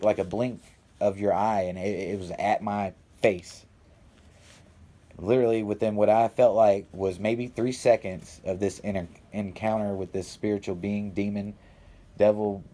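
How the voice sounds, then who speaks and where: A man's voice: lowish voice, dark tone. A young adult man telling a rambling, profane story about a personal experience in casual vlog fashion. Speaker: vlogger.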